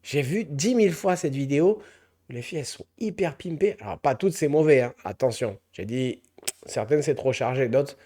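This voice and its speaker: A young man giving a comic rant to camera as a comedy vlogger, speaking in an animated, slangy, mocking way. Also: medium pitch, moderate pace.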